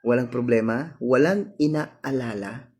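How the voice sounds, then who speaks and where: A man's voice: mid-range voice, unhurried, a little mellow, slightly rough. A man with a Cebuano accent preaching a sermon, mixing languages, repeating his lines and checking on listeners with "hello?".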